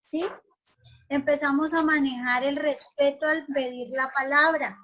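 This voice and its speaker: A woman's voice: sits high, fairly bright tone, poor audio. A woman teacher giving an online class. She asks her students many questions and often checks whether they agree.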